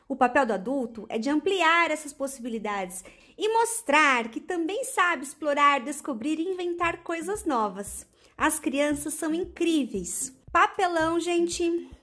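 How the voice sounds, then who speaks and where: Brazilian woman educator-presenter, high voice, talks straight to viewers, echoey room with music underneath. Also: fairly bright tone. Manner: addresses viewers directly with rhetorical questions. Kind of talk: educational presentation on children's play.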